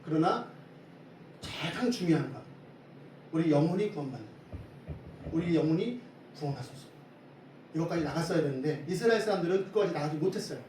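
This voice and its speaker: A man preaching a Sunday sermon as pastor, lively and often asking the congregation questions. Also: fairly high pitch, brisk, long pauses. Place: church sanctuary. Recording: echoey hall from far off, faint hiss.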